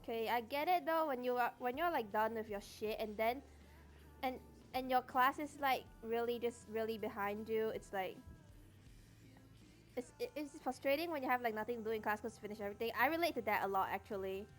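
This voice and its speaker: Young woman streamer, fairly high voice, playful and teasing, casual chat over music. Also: a little fast. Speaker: art livestreamer. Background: background music.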